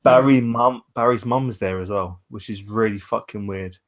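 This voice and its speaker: A man's voice: fairly low pitch, normal speed. A man hosting a podcast in a casual, conversational style. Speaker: podcast host. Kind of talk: casual chat.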